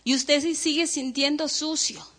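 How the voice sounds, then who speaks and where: Woman preacher, high voice, fervent sermon, lingering hall echo. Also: fairly even intonation, measured pace, fairly bright tone. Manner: fervent, addresses listeners as brothers and sisters; dramatizes quoted prayers and speech.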